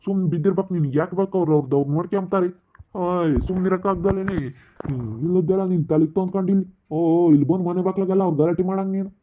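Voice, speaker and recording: A man playing a stern older village man who scolds the women to keep quiet, in an amateur skit. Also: high-pitched, steady tone, rapid-fire, a little hiss or hum, natural voice. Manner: admonishing, repeats rhetorical questions. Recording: tinny phone-like audio.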